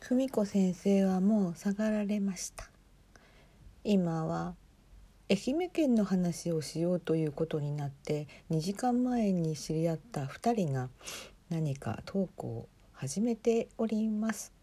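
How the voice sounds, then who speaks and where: A woman talks quietly to her listeners while she watches a livestream, often dropping into a breathy half-whisper. Her voice is dark and mellow, with a husky edge. She reacts aloud in a chatty way, close to a phone mic. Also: lowish voice, expressive, takes it slowly. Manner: speaks softly in hushed whispers. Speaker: podcast host watching a livestream. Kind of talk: casual live commentary, half whispered.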